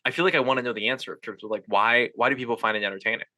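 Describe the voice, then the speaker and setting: A man hosting a podcast, chatting casually and thinking aloud with quick restarts. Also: mid-range voice, sharp tone. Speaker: podcast host. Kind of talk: casual chat.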